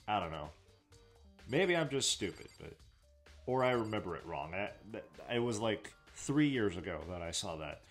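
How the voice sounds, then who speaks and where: A man's voice: fairly low pitch, big pitch swings, moderate pace, faint music behind. Rambling casual man commentating a game. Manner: casual, self-deprecating, trailing off, swears. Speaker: let's play host.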